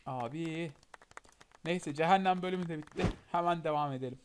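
A man's voice: fairly high pitch, fairly quick. A young man giving casual commentary on a game he is playing, talking back at the screen, urging it on and grumbling. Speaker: gameplay commentator. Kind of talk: casual let's-play commentary. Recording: loud background noise.

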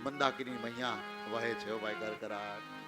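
A man's voice: fairly low pitch, steady tone, normal speed, loud music behind the voice. A man with a Gujarati accent preaching a devotional sermon, telling the story expressively and speaking straight to his audience. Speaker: Ram Katha preacher. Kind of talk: devotional sermon with sung verses.

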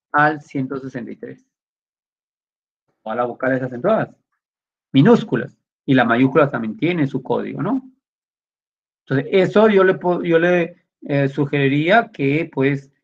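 A man teaching a computer class, walking students through each step and checking in with short questions. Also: on the high side. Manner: explaining step by step, with many tag questions. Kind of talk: classroom lesson. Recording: dull lo-fi sound.

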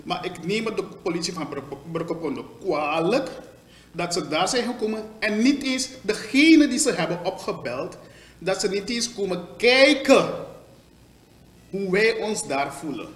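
A man's voice: high-pitched, lively intonation, measured pace, a bit bright, roomy sound. A man interviewed for a news report, speaking emphatically. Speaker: company employee interviewed.

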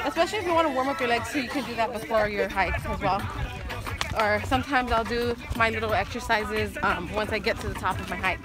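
Over loud music, a woman in her twenties talks fast in a slightly high voice. She's a fitness vlogger on a hillside trail, chatting casually about fitness tips with plenty of "um" fillers, captured by a camera carried alongside as she walks.

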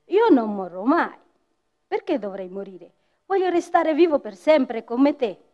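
A woman's voice: high voice, big pitch swings, a little slow, pitched above the performer's own voice. A woman voicing a defiant mortal man who refuses to die, speaking insistently and pleading. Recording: dull lo-fi stage recording with faint music.

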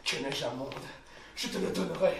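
A man plays a despairing young outlaw lover, pouring out rhymed verse with breathy intensity. His fairly high voice rings through a roomy theatre, heard from a distance over a faint hiss. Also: normal speed. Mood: passionate. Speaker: stage actor. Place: theatre stage. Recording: echoey stage, distant mic, faint hiss.

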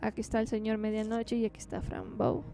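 A woman's voice: mid-range voice, very animated, fast, creaky. A woman streaming a horror game, reading its dialogue aloud and breaking off with startled exclamations. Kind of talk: let's play commentary, reading game text aloud. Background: game music.

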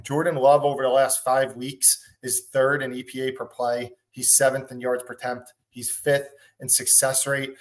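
A man on a sports betting panel, talking through his pick with a string of stats, matter-of-fact and joking at times. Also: medium pitch. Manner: stat-heavy, matter-of-fact, joking asides. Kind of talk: casual sports betting analysis.

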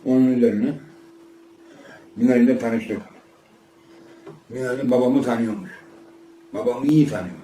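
A man's voice: medium pitch, a little slow, pauses often, dark tone. An older man from northeastern Turkey telling a rambling life story in casual chat, acting out the voices of the people in it and often repeating himself. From Ardahan, northeastern Turkey. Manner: rambling, acts out quoted dialogue, repeats himself. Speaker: storyteller being interviewed. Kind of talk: casual spoken memoir. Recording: roomy, distant mic, faint ambience.

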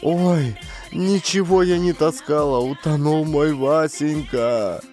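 A man voicing a frightened stout woman who runs a camp canteen, with a shrill pleading wail. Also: lively intonation, unhurried, a little mellow, faint music behind.

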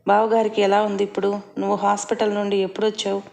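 A woman voicing a caring working mother who speaks gently and reassuringly. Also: mid-range voice, monotone, fast, gravelly.

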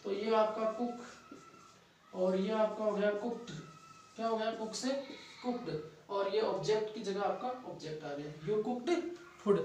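A man's voice: high-pitched, measured pace, a little mellow, distant mic, a little hiss or hum. A man teaching a grammar lesson, asking questions and then answering them himself. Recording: echoey room, voice from off-mic.

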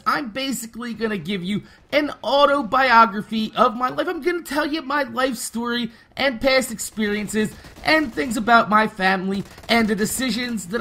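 A man's voice: extremely high pitch, sharp tone. A man, talking casually and candidly over gameplay, rambling and swearing freely. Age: 20s. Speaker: gaming YouTuber.

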